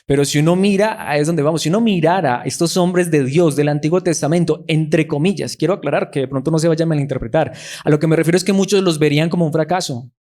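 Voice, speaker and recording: A man's voice: on the high side, fast, hardly any pauses, a little mellow. A man preaching a sermon, who keeps putting rhetorical questions to the congregation.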